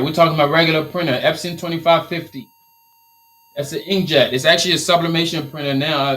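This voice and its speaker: A Liberian man with a Liberian accent hosts a casual live stream Q&A about his t-shirt business, repeating his points with energetic, motivational flair. His voice sits on the high side, and the audio is poor.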